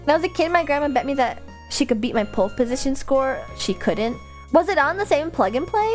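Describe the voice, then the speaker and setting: A young woman VTuber chatting casually with her livestream viewers in a cute, playful, animated anime-streamer manner, talking nonstop. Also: high-pitched, a little fast. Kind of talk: casual livestream chat, reading and answering viewers' messages. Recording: music playing behind the voice. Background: music.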